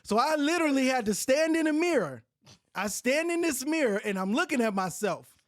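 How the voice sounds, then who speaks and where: Her voice is high-pitched and brisk as this podcast host, recorded cleanly in a studio with no echo, launches into a wild story. She's profane and animated, cursing freely and breaking into laughter mid-story during the casual conversation.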